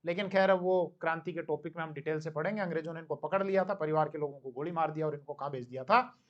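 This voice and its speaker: A man's voice: on the high side, quick pace, muffled recording. A man teaching a history lecture in a conversational, storytelling way, often asking a question and then answering it himself. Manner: conversational storytelling, acting out dialogue; asks and answers his own questions. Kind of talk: recorded classroom lecture.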